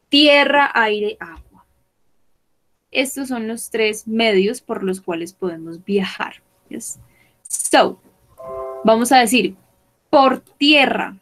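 Slow, careful woman teaching English. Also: fairly high pitch, rough recording. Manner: slow, careful, switching between English and Spanish. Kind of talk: online bilingual lesson.

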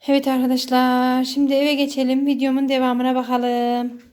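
A woman's voice: sits high, monotone, normal speed, a little mellow. A woman vlogging at home, chatting casually as she works and adding short prayers. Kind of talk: casual narration while working.

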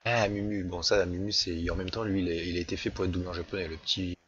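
A man's voice: low voice, flat delivery, quick pace, fairly bright tone, breathy edge, no echo, dull audio. A young adult man chatting casually as he live-streams a game.

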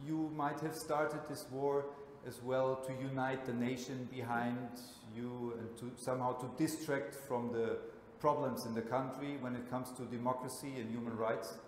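A man asks probing questions as a television journalist. His medium-pitched voice rings in an echoey space with faint noise. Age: 40s. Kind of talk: probing formal interview. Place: large open stone terrace, seated. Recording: echoey open hall, background noise.

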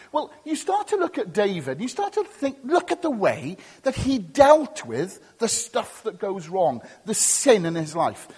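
A man's voice: high voice, darkish tone, husky. A male pastor preaching a sermon with emphatic, repetitive short phrases and casual asides to his congregation. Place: church. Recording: long church reverb.

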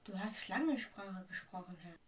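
A woman reading aloud and voicing a blunt, clumsy young boy wizard who speaks softly. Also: medium pitch, expressive, normal speed, distant mic, slight background noise, close to an everyday voice.

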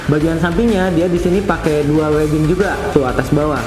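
Chatty young man reviewing gear. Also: brisk. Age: young adult. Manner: chatty, slangy, enthusiastic pitch. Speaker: product reviewer. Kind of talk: casual product review. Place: studio with plain blue backdrop. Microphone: lapel mic. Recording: roomy studio echo with music bed. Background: background music.

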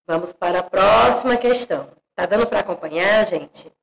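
A woman's voice: medium pitch, vocal fry, rough recording. A Brazilian woman teacher with a Brazilian Portuguese accent, patiently correcting exercises for young pupils in an online class and checking in often with them. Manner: slow, patient, spells out each accent mark.

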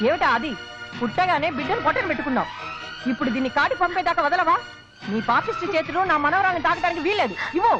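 A bitter, sharp-tongued mother who curses and scolds at a rapid clip. Her voice is very high, and she wails for show. The film audio is dull, with music running underneath. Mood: venomous. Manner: scolding, cursing, theatrical wailing. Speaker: mother in a family drama. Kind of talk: melodramatic film acting.

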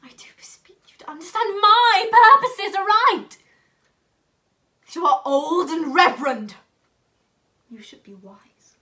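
A young woman acting a haughty, scornful noblewoman in a theatrical Shakespearean English monologue, declaiming between hushed and forceful delivery. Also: very high voice, animated, slow, long pauses, full character voice. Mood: imperious anger. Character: haughty, scornful noblewoman rebuking an old man. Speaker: student actor. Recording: distant mic.

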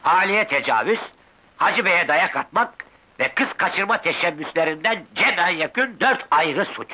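A stern commissioner, sharp, commanding voice. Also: male voice, high voice, expressive, unhurried, full character voice, poor audio. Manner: curt and commanding. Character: stern male police commissioner. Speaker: police commissioner. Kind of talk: 1960s film acting.

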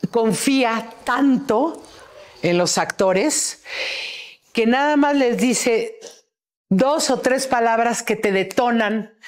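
A middle-aged Mexican woman hosting her own show, telling anecdotes in a chatty, playful way with many restarts and fillers. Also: fairly high pitch. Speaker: host. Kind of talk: casual storytelling to her viewers.

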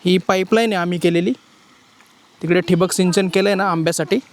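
A man's voice: high-pitched, fairly even intonation, fairly quick. A man, chatting cheerfully as he walks through his farm for a village vlog, laughing often. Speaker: vlogger. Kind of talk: casual village vlog narration. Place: outdoors on farm fields.

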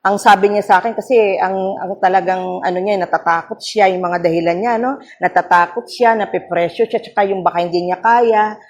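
A woman's voice: medium pitch, steady tone, brisk. Earnest woman pastor preaching. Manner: earnest storytelling, mixing English phrases, frequent "no?" tags. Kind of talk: devotional sermon at a prayer meeting.

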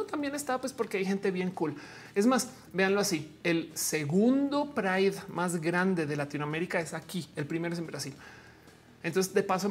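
A woman's voice: fairly low pitch, a little hiss or hum. Chatty woman streaming live. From Colombia. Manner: chatty and slangy, laughing often. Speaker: livestream host. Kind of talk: casual live-stream chat reading the chat.

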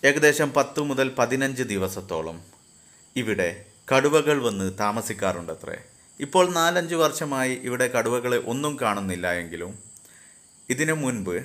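A man reads a scripted travel voice-over. His delivery is steady and informative, like a guide explaining the way. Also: medium pitch. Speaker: travel vlogger narrating.

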